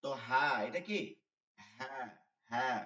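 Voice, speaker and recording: A man's voice: medium pitch, a little slow, pushed and bright, reverberant, distant mic, highs cut off. A man teaching Quran letter pronunciation in an online class, patiently repeating the sounds and checking with his students. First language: Bengali.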